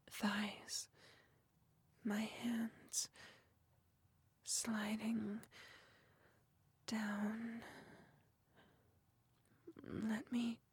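A woman whispering softly and closely in an intimate ASMR roleplay. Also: a little high, husky, dry recording. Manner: soft unvoiced whisper, close and slow. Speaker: ASMR performer.

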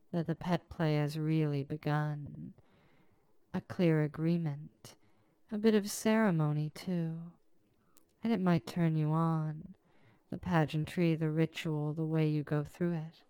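Woman with a dark smooth voice, slow soothing hypnosis talk, dry close mic. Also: deep voice, no echo. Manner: soft, soothing, drawn-out phrasing. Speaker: hypnosis audio creator. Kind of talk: slow scripted hypnotic narration.

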